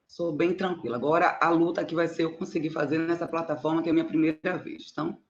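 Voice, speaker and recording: Her voice is low and steady, and she talks at a quick pace: a middle-aged woman from Salvador with a Bahian Brazilian Portuguese accent. As a mathematics teacher sharing research in an informal online presentation from indoors, she chats freely, jokes at her own expense and often checks with her audience. Sound quality is muffled and roomy, like an online call.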